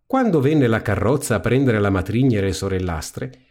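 A man reading a fairy tale aloud as storybook narration, in an expressive, lively manner. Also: on the low side, moderate pace.

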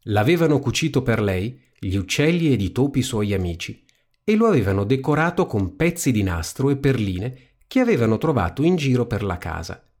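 A man reading a fairy tale aloud as storybook narration, in an expressive, lively manner. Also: medium pitch, normal speed.

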